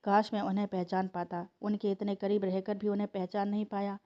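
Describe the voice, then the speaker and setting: A woman's voice: mid-range voice, level tone, fairly quick, muffled recording, close to an everyday voice. A woman voicing a tearful young man who has found his lost family, in a storybook reading. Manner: tearful, pleading.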